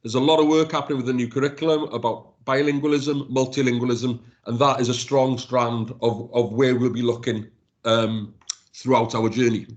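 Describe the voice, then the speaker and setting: In a council meeting room, a council education officer whose first language is Welsh presents slides to a council panel. His medium-pitched, fairly even voice has its highs cut off, and he speaks haltingly, with many repeated words and restarts.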